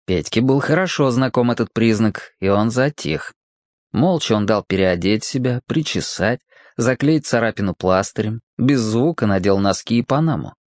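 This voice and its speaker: A narrator reading a children's story aloud with a lively, expressive voice. The pitch rises and falls freely. The recording is close and dry. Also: no echo.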